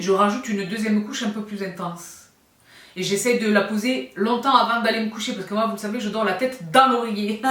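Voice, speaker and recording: A woman's voice: medium pitch, a bit bright, roomy sound, distant mic. A woman beauty vlogger chatting casually and effusively while reviewing skincare products, laughing often.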